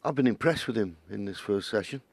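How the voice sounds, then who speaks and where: Low-voiced bloke doing snooker commentary, chatty, explains little things as he goes. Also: animated, a little fast, creaky, a little mellow, husky. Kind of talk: snooker commentary, conversational analysis.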